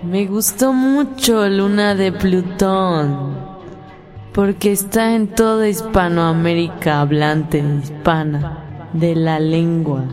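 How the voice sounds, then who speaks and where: A shy, soft-spoken woman appearing as a guest on a playful mock talk show. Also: lowish voice, slow, over music. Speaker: co-host.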